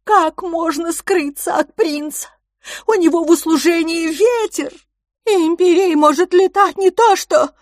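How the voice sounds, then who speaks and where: A woman voicing a desperate, shaggy-browed male giant monster who shouts high and loud as he pleads for help. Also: a little slow, dry recording, clean studio sound. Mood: desperate pleading.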